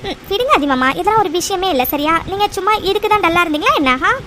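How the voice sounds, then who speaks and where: A loving young wife from an animated story voiced by a woman, calming her husband down. Her voice sits high and her speech comes quickly. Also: a little hiss or hum, full character voice. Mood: reassuring. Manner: soothing, reassuring. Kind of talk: cartoon voice acting.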